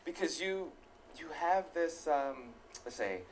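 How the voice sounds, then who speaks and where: A man's voice: on the high side, animated, slow pace, a little hiss or hum. A man hosting a casual studio interview, talking conversationally in short bursts. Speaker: talk show host, interviewer.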